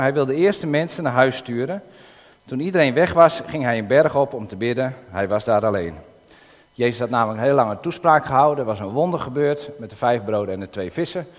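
A man giving a sermon, reading a Bible passage aloud and retelling it in a calm, explanatory way with occasional hesitations. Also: mid-range voice. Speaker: preacher. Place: church in the north of the Netherlands. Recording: long reverb of a church hall.

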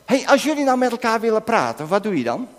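A man leading an interactive children's talk in church, coaxing the kids with questions and now and then breaking into shouts. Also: high voice, sing-song, fast talker. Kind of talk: interactive object lesson with children. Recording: long hall reverb.

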